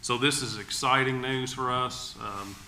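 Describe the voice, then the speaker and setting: A male agency commissioner gives enthusiastic remarks at a public meeting held indoors. His mid-range voice keeps a fairly even intonation, unhurried and sharp in tone, and the room sounds echoey with faint background noise.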